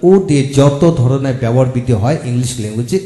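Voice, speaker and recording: A man giving a video lesson on English pronunciation, calmly addressing viewers as friends and repeating each example word slowly while spelling out its letters. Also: medium pitch, roomy sound. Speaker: English teacher. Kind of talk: video lecture.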